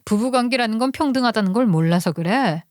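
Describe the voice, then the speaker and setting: A woman's voice: a little high, lively intonation, quick pace, no echo, clean studio sound, close to an everyday voice. A woman voicing a furious, betrayed wife who curses and scolds sharply. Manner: sharp, cursing, indignant.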